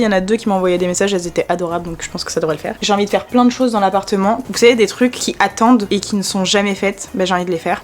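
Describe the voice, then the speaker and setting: A woman's voice: medium pitch, slight background noise. A young adult woman chatting in a casual, rambling way as a vlogger. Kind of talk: casual vlog chat.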